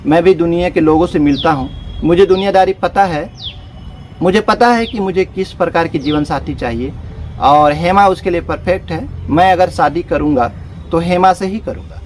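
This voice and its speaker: A man voicing an earnest young man who insists he will marry, speaking fast and plainly in his own storytelling voice. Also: fairly high pitch, slight background noise, lightly acted. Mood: insistent.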